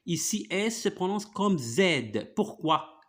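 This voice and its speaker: Patient, slow-speaking male French teacher. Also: sits high, very animated. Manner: patient, spells sounds out, often checks with "d'accord?". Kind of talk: one-on-one reading lesson.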